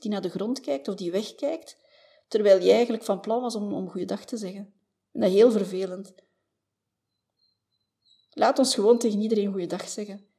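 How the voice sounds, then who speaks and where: A woman with a Flemish accent talks through a motivational podcast monologue. Her voice is warm and mellow, her pitch sits mid-range, and she speaks in a friendly, chatty way, ending many sentences with a questioning "hè". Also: creaky. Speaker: podcast host, former family doctor.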